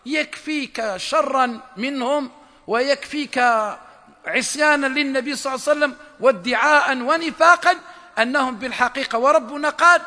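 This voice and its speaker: A man delivering an impassioned sermon in a very high, piercingly bright voice. He surges into shouts at his key lines and stumbles through restarts and repeated phrases. His voice rings out with a long reverb off a hall. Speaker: preacher. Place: lecture hall.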